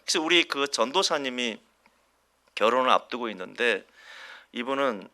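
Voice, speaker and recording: A man's voice: medium pitch, expressive, moderate pace, sharp tone. A male pastor preaching a Sunday sermon at a church service. He talks animatedly, asks the congregation questions and acts out everyday quarrels with a chuckle.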